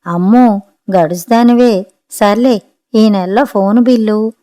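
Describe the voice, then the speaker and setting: A woman's voice: medium pitch, unhurried, dark tone, natural voice. A woman doing a stingy grumbling son-in-law. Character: scheming son-in-law, grown man, stingy.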